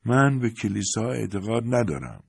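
A man's voice: fairly low pitch, very animated, gravelly, slightly rough, voice pushed up, exaggerated voice. A man voicing a frail dying old woman. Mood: defiant. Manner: whispering, urgent.

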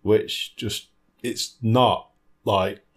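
In a fairly low, steady voice, a man speaks very slowly about films and games. He's a reviewer in a casual two-person chat, wandering a little as he looks for what to say.

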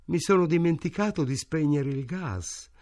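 A man's voice: a little high, animated, normal speed, a little mellow, dry recording, clean studio sound, pitched above the performer's own voice, natural voice. A man reading aloud, voicing a weak older male shopkeeper who mumbles faintly. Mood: dazed.

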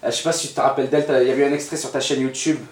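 A man hosting a podcast, chatting casually and quickly, slangy and excitable as he questions his guest. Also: medium pitch, a little hiss or hum. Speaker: podcast host. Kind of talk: casual chat. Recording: echoey room.

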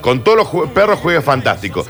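An Argentine man co-hosting a talk show, telling stories with animated mock outrage in casual banter. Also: fairly high pitch, fast. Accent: Argentine Spanish. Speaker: radio show co-host.

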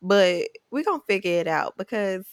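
A young woman co-hosting a podcast, signing off in a playful, sassy, slangy voice with a smooth radio tone. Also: mid-range voice, lively intonation, moderate pace, no echo, studio quality. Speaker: podcast co-host. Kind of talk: casual podcast chat. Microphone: video call.

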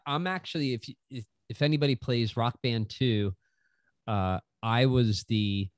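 A man's voice: medium pitch, a little mellow, dry recording, clean studio sound. A middle-aged man, a guest musician, chatting casually and telling stories with lots of fillers. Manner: laid-back storytelling, lots of "you know". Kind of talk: casual podcast chat.

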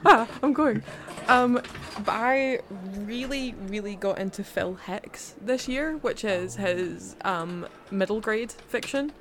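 A woman's voice: medium pitch, slow, fairly bright tone, slight background noise. A woman co-hosting a casual book chat podcast, enthusiastic and laughing often. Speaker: podcast co-host.

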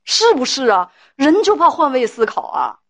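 A woman's voice: high voice, sing-song, moderate pace, fairly bright tone, no echo. A woman hosting a call-in advice show, lecturing a caller with pointed rhetorical questions.

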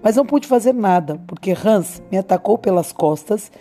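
A hunted young man pours out his story in an urgent, tense rush, as a woman reads him in an audiobook. The tone stays dark and mellow, with faint music underneath. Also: medium pitch, animated, moderate pace, natural voice. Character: young man on the run, wary, persistent.

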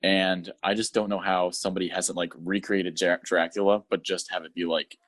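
A man's voice: low voice, normal speed. A young man co-hosting a podcast, chatting casually and laughing as he acts out movie scenes. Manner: laughing, animated retellings of scenes. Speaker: podcast co-host. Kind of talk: casual chat. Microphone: audio-only podcast mic.

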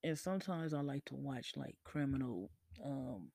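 A man hosting a podcast, chatting casually and laid-back, swearing freely and laughing often, with a gravelly, husky voice. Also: medium pitch, animated, moderate pace, darkish tone, no echo. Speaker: podcast host. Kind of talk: casual solo chat.

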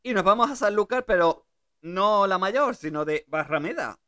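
A woman's voice: medium pitch, animated, moderate pace, bright, forceful tone. A woman hosting a radio show, chatting casually with a guest and laughing easily. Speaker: radio host.

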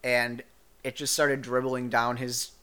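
A young man with a bright, clear voice keeps up dry, joking banter on a casual podcast. His quips are quick and deadpan. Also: medium pitch. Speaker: podcast co-host. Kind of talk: casual chat.

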